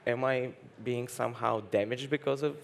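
Over a noisy background, a young man from Bulgaria who founded a dating app speaks on a conference panel in a medium-pitched, creaky voice with fairly even intonation and moderate pace. He's frank but hesitant, restarting often and laughing as he goes.

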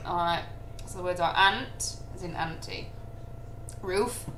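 Low-pitched young East Midlands woman, roomy webcam. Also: fairly even intonation, moderate pace, bright, forceful tone. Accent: East Midlands, Derbyshire with some Yorkshire. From Chesterfield, Derbyshire, England. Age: young adult. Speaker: vlogger. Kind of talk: casual chat, reading out an accent tag. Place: living room at home. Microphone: webcam or computer microphone at desk distance. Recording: roomy, noisy home webcam recording.

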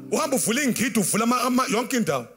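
A South African man in his thirties preaches with a very high, bright, forceful voice, rattling along at speed. He half-sings his impassioned lines into a handheld mic. A band plays softly behind him in a big church tent. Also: expressive, racing. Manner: impassioned, half-singing preaching mixing Zulu and English. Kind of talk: sermon. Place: large church tent with a congregation. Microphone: handheld microphone. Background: faint band music.

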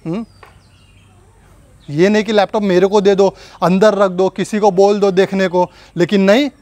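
High-voiced man angrily scolding. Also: fairly even intonation, moderate pace, darkish tone, no echo. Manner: scolding, angry, threatening. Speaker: prankster husband. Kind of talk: staged angry argument.

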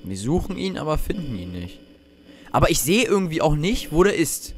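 A man's voice: on the high side, very animated, fairly quick, soft background music. A young man commenting on a horror video game as he plays, talking to himself, swearing and getting jumpy. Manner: jumpy, swears, talks to himself under his breath. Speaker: let's play host.

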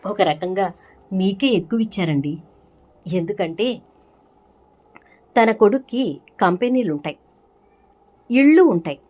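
Woman reading as a calm lawyer guy, patient, explains it step by step. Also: mid-range voice, close to an everyday voice. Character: middle-aged male lawyer, calm and explanatory.

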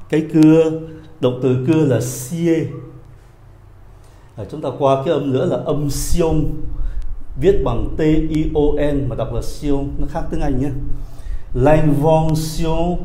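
A man gives a pronunciation lesson in an unhurried, measured way. His voice is mellow and his pitch is ordinary. He draws each model word out slowly, and the room around him sounds echoey. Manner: slow, drawn-out model words between quick explanations. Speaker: French teacher.

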